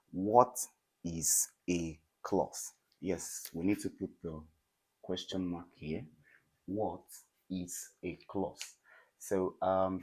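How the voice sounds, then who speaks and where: A man with a Nigerian accent teaching an English grammar lesson in a classroom, often pausing to ask students questions. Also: low voice, a little mellow, slightly rough. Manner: call-and-response questioning of students. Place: classroom with a board.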